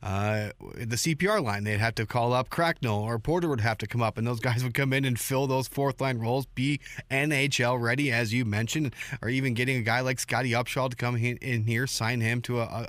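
A man's voice: mid-range voice, fairly even intonation, a little fast, hardly any pauses, fairly bright tone, dry recording. A man hosting a sports talk show on the radio, speaking in a dense broadcast style. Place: radio studio.

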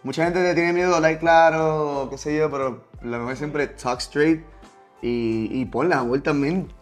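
A man with a Puerto Rican accent co-hosting a podcast in casual chat, relaxed and slangy, mixing in English phrases. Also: on the high side, measured pace, soft background music. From Puerto Rico. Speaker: podcast co-host.

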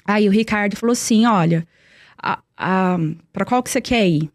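A woman's voice: mid-range voice, moderate pace, no room sound, studio quality. A young woman telling a personal story in earnest, repeating words for emphasis. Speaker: guest.

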